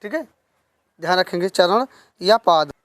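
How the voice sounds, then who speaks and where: A woman's voice: fairly low pitch, animated, no echo. Dry-voiced woman teaching, repeating terms. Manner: repeats key terms slowly, asks and answers her own questions. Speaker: Hindi literature teacher. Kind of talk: online exam-prep lesson.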